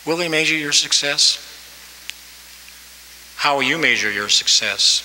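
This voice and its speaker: A man in his sixties delivers a commencement address at a podium mic in a large hall, earnest and exhorting, raising his voice for emphasis. His voice is a little high, expressive and a little slow, with a sharp tone. The hall is reverberant with faint ambience and a slight hiss or hum.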